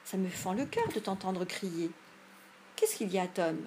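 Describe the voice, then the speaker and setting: A fretful little brother from a storybook pleads urgently with his sick sibling, as a woman puts him on. The voice runs quick and a bit raised, with a faint hiss in the background. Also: mid-range voice, very animated, darkish tone. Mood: anxious. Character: worried younger brother, anxious boy.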